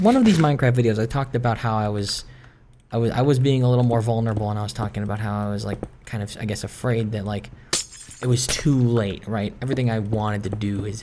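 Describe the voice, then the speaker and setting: A gaming video creator rambles introspectively over gameplay in solo commentary, hesitant and often repeating and correcting himself. His voice is medium-pitched, with a little hiss or hum in the recording.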